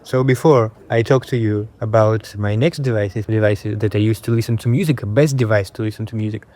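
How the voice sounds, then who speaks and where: A man from Belarus with a Belarusian accent talks casually to camera as a creator, pausing and repeating phrases while he searches for words. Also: medium pitch, a little mellow. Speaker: video creator and host.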